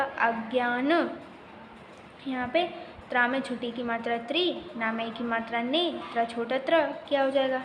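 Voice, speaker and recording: High-voiced woman teaching a grammar lesson. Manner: asks questions and answers them herself, spells out syllables. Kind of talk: primary school grammar lesson. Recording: echoey room with faint noise.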